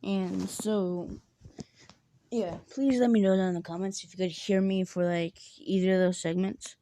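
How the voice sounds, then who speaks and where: A woman's voice: mid-range voice, fairly even intonation, moderate pace, dark tone. A woman casually retelling a fan story in a rambling way, full of fillers, now and then acting out the characters' lines.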